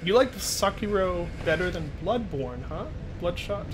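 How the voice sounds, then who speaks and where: A man's voice: sits high, expressive, unhurried, background noise. A young man streaming a game, chatting casually, laughing often and muttering to himself as he plays. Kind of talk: casual gaming stream chat. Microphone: desk microphone.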